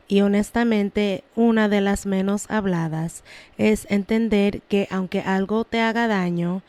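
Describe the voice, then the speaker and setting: A woman from Massachusetts hosting her own podcast, talking through emotional healing in a calm, earnest solo monologue. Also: mid-range voice, dry recording. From Lawrence, Massachusetts, USA. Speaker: podcast host.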